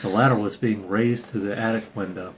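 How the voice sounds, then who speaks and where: A man hosting a channel reads a children's picture book aloud informally, tossing in irreverent, sarcastic asides. His voice is fairly low with fairly even intonation and a slightly fast pace, and the home recording is clearly noisy.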